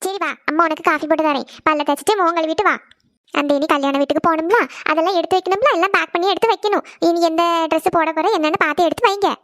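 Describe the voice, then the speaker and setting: A woman's voice: very high voice, a bit bright, no echo, studio quality. Woman doing a fussing cartoon mother. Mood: coaxing. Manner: scolding, rapid, fussing. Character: scolding worried middle-aged village mother. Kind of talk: cartoon voice acting.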